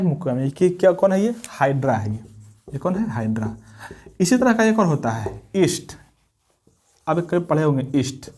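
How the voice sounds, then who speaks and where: Mellow-voiced biology teacher. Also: male voice, a little high. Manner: asks rhetorical questions and answers them; repeats key terms, mixes Hindi and English. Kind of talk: blackboard lesson.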